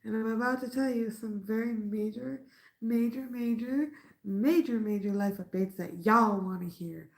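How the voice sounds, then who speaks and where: Chatty and playful, a woman hosts a late-night crochet livestream, her nose slightly stuffy from a mild cold. Her fairly high-pitched voice is gravelly with a darkish tone, and she talks at a normal speed.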